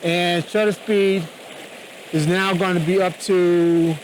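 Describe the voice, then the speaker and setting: A man giving a casual photography tutorial outdoors, talking up to be heard beside a rushing river. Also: high voice, fairly even intonation, low-quality recording. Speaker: photography vlogger. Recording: loud rushing stream noise. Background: rushing water.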